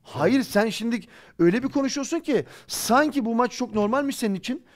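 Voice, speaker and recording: A man's voice: very high-pitched, lively intonation, a little fast. A man in his forties giving heated post-match football commentary, impassioned and scolding. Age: 40s. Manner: impassioned, ranting, rhetorical scolding. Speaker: football pundit. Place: studio.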